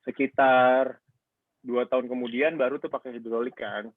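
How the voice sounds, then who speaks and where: A man's voice: mid-range voice, little pitch movement, normal speed, a little hiss or hum. A man who owns a car wash, chatting casually in an interview over a call and rambling with plenty of fillers. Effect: heard over a phone line. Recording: narrow tinny phone-like sound, dry.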